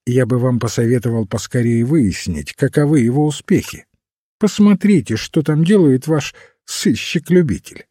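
Father Brown, a man reading a calm priest sleuth. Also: medium pitch, normal speed, no echo, clean studio sound, lightly acted. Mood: musing. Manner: calm, reasoning, quietly probing. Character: calm thoughtful middle-aged male priest detective. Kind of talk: audiobook character reading.

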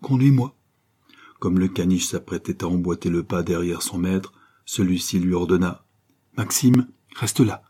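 A man's voice: low voice, a little slow, dark tone, husky. A man reading a grave masked avenger who gives short, firm orders.

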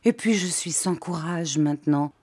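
A woman's voice: low-pitched, normal speed, warm tone, breathy edge. A woman voicing a meek, frightened young wife who pleads and sobs in an audiobook reading. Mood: pleading. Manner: pleading, sobbing, helpless.

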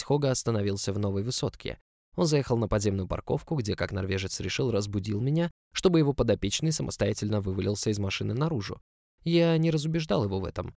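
A man's voice: on the low side, a little mellow, no echo. A man narrating a story in the first person, in an intimate, close storytelling manner. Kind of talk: audiobook narration.

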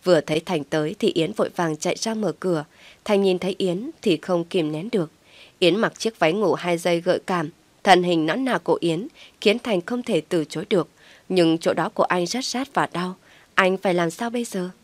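A woman with a fairly low voice narrates a story in a steady, even reading. The sound is close and dry, with no room around it. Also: normal speed, no room sound.

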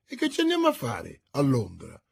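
A man voicing a loud, blustering male musketeer who exclaims indignantly. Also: mid-range voice, wildly swooping pitch, moderate pace, creaky, slightly rough, exaggerated voice.

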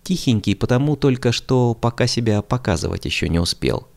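A haughty older schoolgirl sulks and sniffs at everyone, played by a man reading a storybook. The pitch is lifted high over a gravelly base. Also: lively intonation, a little fast, darkish tone. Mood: sulky. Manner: pouting, sniffy.

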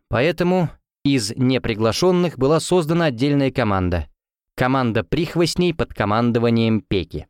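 A man narrating a fantasy novel as an audiobook reader, in an even, measured storytelling manner. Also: medium pitch, dry recording. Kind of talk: scripted narration. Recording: dry close recording.

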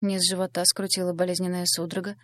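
Low-voiced woman narrating an audiobook. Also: flat delivery, fast, a bit bright, dry recording, clean studio sound. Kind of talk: scripted first-person narration.

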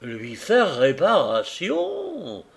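A man reading aloud voices a sour, scheming toy merchant with a grudging, wary manner and a gravelly voice. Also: fairly high pitch, wildly swooping pitch, extremely slow, full character voice.

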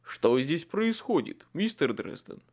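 Man doing a nervous old desk sergeant, gruff, puzzled, audiobook figure. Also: on the high side, very animated, unhurried, a little mellow, exaggerated voice. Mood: wary. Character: older wrinkled moustached desk sergeant, nervous.

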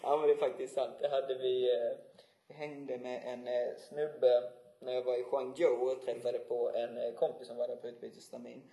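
Male co-host, warm dark tone, asks questions and thinks aloud, roomy recording. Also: medium pitch, flat delivery. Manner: asks questions, musing and hesitant. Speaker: podcast co-host. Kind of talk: casual chat.

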